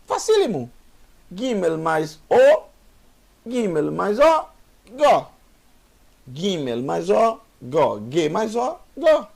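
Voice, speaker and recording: A man's voice: sits high, vocal fry, a little mellow. A man teaching a Hebrew lesson, patiently repeating each letter sound and encouraging the learner. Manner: encouraging, asks the viewer questions. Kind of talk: online language lesson.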